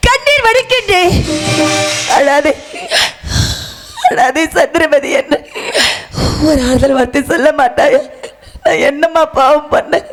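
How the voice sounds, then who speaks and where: Actress as sobbing queen mother in a folk stage play, very high, slow drawn-out wailing, faint music behind. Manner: wailing, sobbing lament, drawn-out sung lines. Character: grieving queen mother searching for her lost son. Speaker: stage actress in a village drama. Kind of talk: traditional Tamil village stage drama, sung lament.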